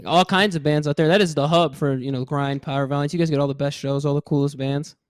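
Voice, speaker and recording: A man co-hosts a casual interview podcast, chiming in with enthusiastic praise for the guest. His voice sits a bit high, and the sound is dry with no room echo. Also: steady tone, fast talker. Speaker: podcast co-host.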